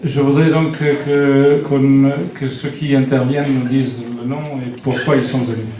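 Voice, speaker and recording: A man moderating a public meeting, speaking slowly and haltingly with many restarts. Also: mid-range voice, flat delivery, dark tone. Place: large meeting hall. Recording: echoey hall, crowd, from far off.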